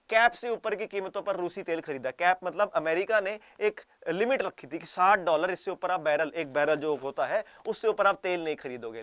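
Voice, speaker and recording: A man's voice: high voice, fairly bright tone, clean tone, no echo. A young man teaching current affairs in a casual exam-prep lecture, chatty and jokey, acting out quoted officials.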